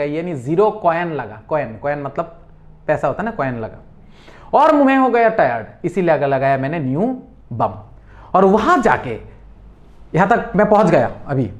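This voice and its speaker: A middle-aged man with an Indian accent teaching a memory trick as a story, quizzing listeners and repeating key words. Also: high-pitched. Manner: lively call-and-response, repeats key words, quizzes the viewer. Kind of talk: storytelling mnemonic lesson.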